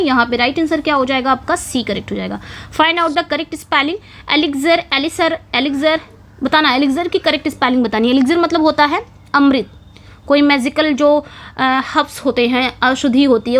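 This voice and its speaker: A woman with a high, fairly bright voice teaches an English exam-prep lesson at a moderate pace. She explains things step by step and keeps checking in with her students using "ठीक है" and "समझ में आ गया".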